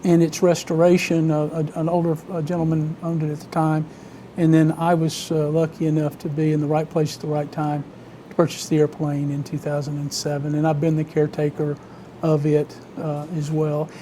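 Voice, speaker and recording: A man with a Southern US accent from Alabama, telling stories conversationally as an interview guest, in a halting, measured way with frequent pauses. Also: fairly high pitch, monotone, mellow, a little hiss or hum, poor audio. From Alabama, United States. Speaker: interview guest, vintage biplane owner and pilot.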